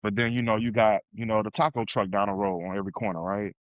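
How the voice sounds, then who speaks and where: A man hosting a travel podcast, talking in a laid-back, slangy way and sometimes dropping into a lower voice. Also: steady tone, fast, dry recording, lo-fi sound. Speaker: podcast host. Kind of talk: casual podcast conversation.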